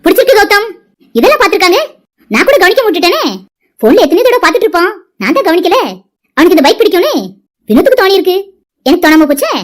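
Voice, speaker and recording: A woman voicing high, rapid-fire chatty village women. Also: big pitch swings. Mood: curious. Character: chatty village women, young wife and aunt. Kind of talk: animated family drama dialogue.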